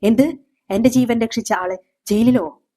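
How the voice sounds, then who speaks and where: A woman voicing a powerful gang leader who speaks slowly and gravely. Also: medium pitch, darkish tone, lightly acted. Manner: slow, weighty. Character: powerful gangster boss, grateful man.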